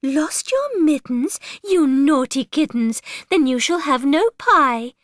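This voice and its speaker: Woman playing stern mother cat, slow and expressive, dry studio. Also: high-pitched, dry recording, pitched above the performer's own voice, heavily acted. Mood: scolding. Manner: scolding, then soothing.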